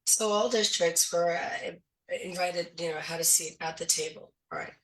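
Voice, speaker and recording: A woman's voice: lowish voice, moderate pace, recorded from a distance, poor audio. A woman running for school board, explaining things in a thoughtful, casual way with many fillers while she is losing her voice. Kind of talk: casual discussion.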